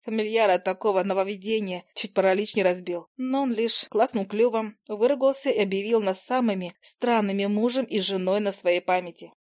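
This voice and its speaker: Female audiobook narrator, mid pitch, lively first-person storytelling, dry close mic. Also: fairly quick, few pauses, no echo.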